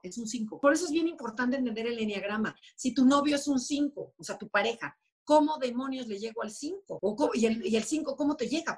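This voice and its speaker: A woman explaining personality types in a lively, conversational way, often acting out little quoted voices. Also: on the high side, breathy edge. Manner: animated, acts out quoted voices. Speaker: enneagram expert guest.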